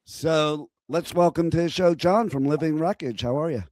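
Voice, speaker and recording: Male radio host, hoarse and worn-out voice, casual interview chat, close dry sound. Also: on the high side, normal speed, darkish tone, no echo. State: hoarse, lost voice.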